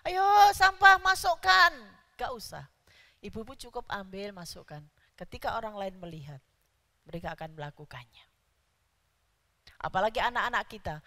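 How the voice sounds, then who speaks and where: A woman preaching a sermon in a church, stressing key words loudly. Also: mid-range voice. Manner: emphatic, rising to loud stresses on key words. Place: church hall. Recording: church hall reverb.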